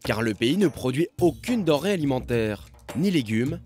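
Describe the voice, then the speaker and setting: Lively-voiced male documentary narrator over music. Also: medium pitch, normal speed. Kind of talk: scripted narration. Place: studio voice-over.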